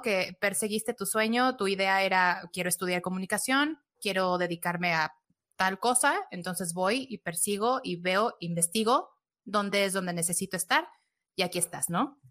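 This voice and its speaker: A woman host in casual interview chat, encouraging and filling pauses with "este". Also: mid-range voice, fairly bright tone. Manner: encouraging, fillers like "este" and "digo".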